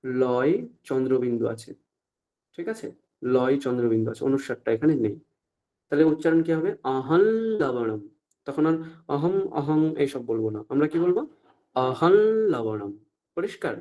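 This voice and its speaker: A man teaching Sanskrit pronunciation in an online class, often stopping to ask if everyone follows and saying the examples out slowly. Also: mid-range voice, mellow. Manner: asks the class frequent check-up questions, slow deliberate recitation of examples.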